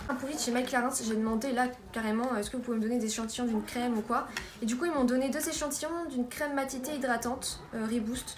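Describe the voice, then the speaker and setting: A young woman with a slightly high voice chats casually through a beauty haul, full of fillers and trailing restarts. She is recorded at home in an echoey room with a steady noise behind her. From France. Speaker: beauty vlogger.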